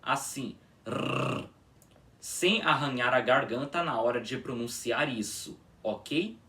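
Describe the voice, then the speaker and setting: A man teaching a pronunciation lesson, demonstrating each sound slowly and checking in with his students. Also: mid-range voice, sharp tone, far from the mic. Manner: drawn-out patient demonstrations, frequent "tá?" checks. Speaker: language teacher.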